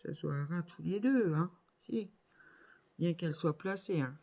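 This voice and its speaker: Speaking at a moderate pace in a lowish, creaky, mellow voice, a middle-aged woman puts together a model kit. She offers casual crafting commentary, musing aloud with many fillers.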